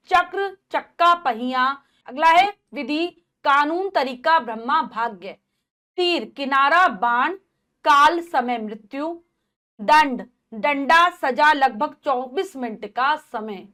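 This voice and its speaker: High-pitched lady teacher reading word lists, slow and measured. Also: fairly bright tone. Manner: measured, list-like reading with brief explanations. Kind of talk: reading a vocabulary list aloud.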